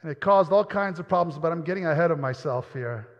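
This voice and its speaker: Speaking quickly in a higher-pitched voice, a New York pastor shares his earnest testimony sermon, repeating words often. Long hall reverb and a dull sound mark the church recording.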